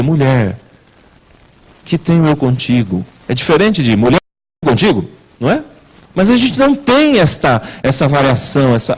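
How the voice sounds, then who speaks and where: A man preaching a sermon as pastor in a church, asking rhetorical questions with wide swings in pitch and loudness. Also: rough recording.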